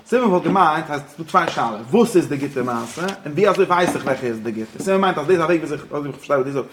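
A man teaching a religious-philosophy lesson, talking rapidly and repeating himself, dropping English phrases into his explanations. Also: on the high side, lively intonation, noisy background. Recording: echoey room.

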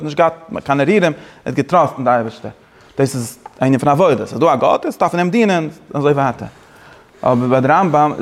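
Rapid gravelly man. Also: mid-range voice. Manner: fast, halting, many restarts; mixes Yiddish, Hebrew and English phrases. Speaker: Torah teacher giving a class. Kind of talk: Talmud-style lecture.

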